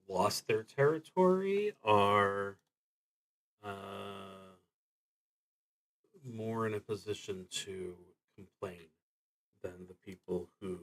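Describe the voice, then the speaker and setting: A streamer narrates his solo tabletop roleplaying game unscripted, thinking aloud hesitantly and reflectively. His voice is lowish, and the recording quality is low.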